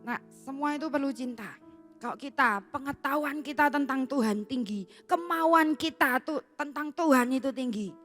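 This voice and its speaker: High-voiced woman preaching, faint music. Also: normal speed, a bit bright. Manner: casual colloquial preaching, acts out quoted voices. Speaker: youth pastor. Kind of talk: sermon.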